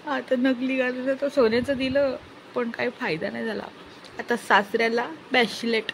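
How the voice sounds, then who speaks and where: A woman's voice: a little high, little pitch movement, moderate pace, vocal fry. A woman delivers comic commentary, teasing and mocking as she talks. She repeats phrases in a sing-song rhythm and keeps laughing between lines. A faint hum of room noise sits under her voice. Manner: teasing, often breaks into laughter. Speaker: commentary vlogger.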